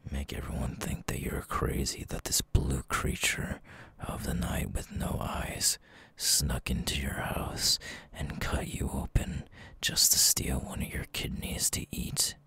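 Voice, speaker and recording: A man playing a menacing, teasing eyeless night creature in an ASMR roleplay, whispering in a breathy, gravelly, slow and deliberate way. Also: very deep voice, completely flat delivery, sharp tone, no room sound, exaggerated voice. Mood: quietly threatening.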